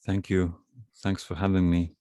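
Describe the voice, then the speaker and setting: A male guest poet from Estonia, whose first language is Estonian, chats casually before a reading. His very low voice stays monotone and calm, unhurried with many pauses, and there is no room sound.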